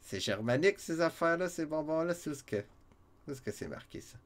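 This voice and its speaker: A man's voice: on the high side, animated, fairly quick. A man with a Québécois French accent giving casual, playful gameplay commentary as a streamer, teasing his viewers and chuckling often. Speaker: let's-play streamer.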